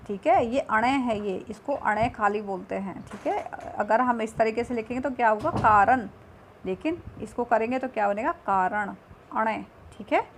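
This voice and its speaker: A woman's voice: fairly high pitch, slight background noise. A woman teacher reading and explaining a textbook lesson, patient and repetitive, often checking in with her pupils.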